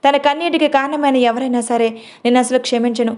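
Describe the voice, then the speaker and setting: A woman's voice: high-pitched, steady tone, brisk, a little mellow, close to an everyday voice. A woman storyteller voicing a protective young man who comforts and then scolds in a storybook. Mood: angry. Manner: firm and scolding. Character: protective young man, tender but quick-tempered.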